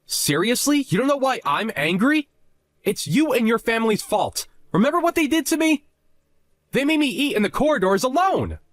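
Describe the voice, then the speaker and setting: A man's voice: medium pitch, sing-song, normal speed, dry recording, close to an everyday voice. A man voicing Justin, a young husband who argues defensively and indignantly in a dramatized chat story.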